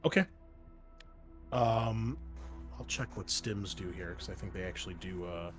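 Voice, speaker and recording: Over music, a man with a low voice and a somewhat slow delivery narrates the scene as a tabletop game master. His description rambles loosely, peppered with fillers.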